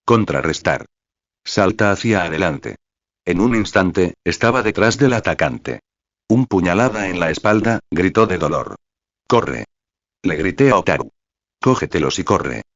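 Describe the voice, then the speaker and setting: Man, novel narration, first-person fanfic, very deep voice, steady read-aloud, slightly dull recording. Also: no room sound. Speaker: novel reader.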